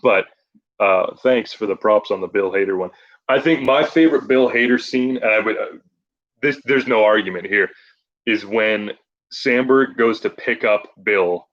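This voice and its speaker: A man's voice: fairly low pitch, normal speed, fairly bright tone, dull audio. A man in casual chat recommending movies, who laughs often and rambles with restarts.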